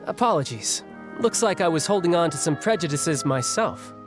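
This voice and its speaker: A man's voice: a little high, animated, normal speed, music in the background, close to an everyday voice. A man voicing Childe, a cocky young warrior in a game cutscene who talks in a casual, joking way. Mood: easygoing. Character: cocky young male warrior, breezy and eager to fight.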